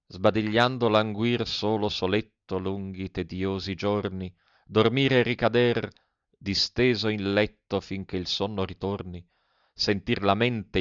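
Man reading poems aloud all dramatic, slow solemn pauses, dry close sound. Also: fairly low pitch, clear, resonant tone, dry recording. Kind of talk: dramatic poetry recitation. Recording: dull lo-fi recording.

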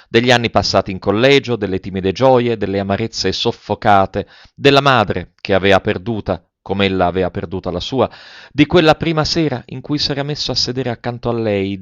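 Guy reading an old novel aloud, lowish voice, dry dull audio. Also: no echo. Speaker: audiobook reader. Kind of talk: literary narration. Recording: dull, slightly muffled dry sound.

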